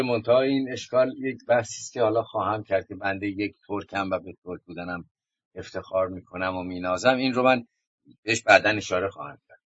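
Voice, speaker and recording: A male talk radio host with a low-pitched voice speaks earnestly, sometimes reading submitted text aloud. The sound is dull and muffled like an old broadcast, with a dry, close studio mic. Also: a bit bright, no room sound.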